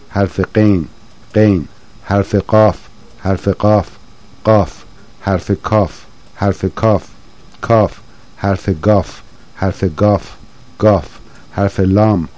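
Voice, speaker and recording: Low-voiced male teacher, mellow and dark, repeating each word twice before its meaning. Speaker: language teacher. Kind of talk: slow repeated vocabulary drill.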